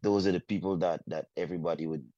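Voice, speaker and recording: Man, Guyanese accent, low pitch, dry close sound, halting speech with restarts. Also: mellow, no room sound. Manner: halting, many restarts, drawn-out phrases. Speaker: soca artist. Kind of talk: casual interview. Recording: dull, muffled sound.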